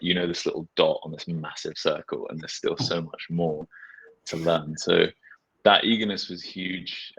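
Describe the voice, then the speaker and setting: A very deep-voiced man from Nepal talks earnestly on an online design panel, loose with his fillers. His voice is husky and gravelly, and the call audio sounds dull and lo-fi. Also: a bit bright. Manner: earnest, reflective, uses casual fillers. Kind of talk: casual panel discussion. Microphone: video call.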